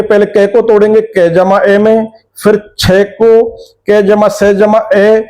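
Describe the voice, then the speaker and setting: A male teacher talking through a textbook lesson in a slow, methodical way, breaking every word down letter by letter. His voice sits fairly high but has a mellow, soft tone, and he takes his time over each step. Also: low-quality recording.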